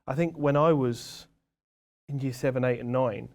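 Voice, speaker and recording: A man's voice: medium pitch, normal speed, a little mellow. A man with a mid-range voice co-hosts a casual podcast. He talks things through earnestly, in a reflective, explaining manner. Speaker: podcast co-host. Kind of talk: casual chat.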